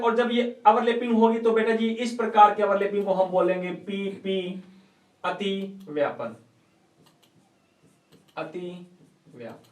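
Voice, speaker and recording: A male chemistry teacher giving an online class lecture, playful and coaxing, quizzing students with rhetorical questions and folksy sayings. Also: sits high. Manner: calls students "beta ji", uses folksy sayings. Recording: echoey room, distant mic.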